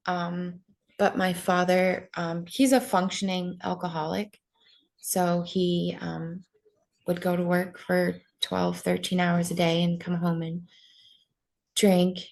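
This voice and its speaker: A podcast guest from Maine, USA, in her 20s, shares her life story openly in a personal interview, filling her speech with ums and likes. She speaks slowly in a level tone, her lowish voice gravelly and a little mellow.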